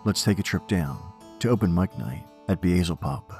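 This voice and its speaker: Deep voiced guy doing horror podcast narration, theatrical and deliberate, bit of music behind. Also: animated, darkish tone.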